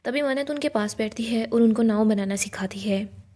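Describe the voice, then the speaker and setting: A woman's voice: a little high, moderate pace. A woman narrating a casual scene-by-scene recap of a TV serial, quoting the characters' lines in her own voice. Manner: steady retelling, quotes dialogue in her own voice.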